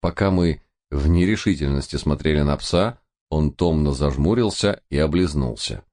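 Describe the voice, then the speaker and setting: Deep-voiced male audiobook narrator. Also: normal speed, a little mellow.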